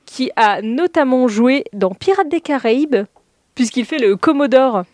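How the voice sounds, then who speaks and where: A woman's voice: sits high, expressive, a little slow, a little mellow, no room sound, studio quality. A woman on a casual podcast presenting a TV series, chatty and hesitant, with frequent fillers. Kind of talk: casual chat.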